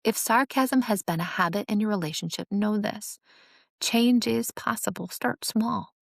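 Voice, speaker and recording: Female host, instructive and earnest, gravelly edge, dry studio read. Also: mid-range voice, moderate pace, no room sound. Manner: earnest, instructive, acts out sarcastic examples. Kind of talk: teaching monologue on relationships.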